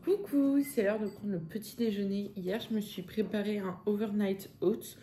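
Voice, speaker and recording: A woman's voice: medium pitch, fairly even intonation, normal speed, warm tone, roomy sound, faint music behind. A young woman vlogging casually and enthusiastically in her home kitchen, chatting freely with lots of fillers. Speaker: fitness and food vlogger. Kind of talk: casual vlog chat.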